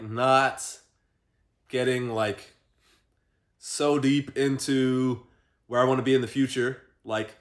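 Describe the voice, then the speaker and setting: A man speaks in a reflective vlog monologue, thinking out loud. His voice sits in an ordinary middle register. He circles his points with frequent fillers and loose restarts. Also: medium pitch. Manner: thinking aloud, many fillers, unhurried. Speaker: vlogger.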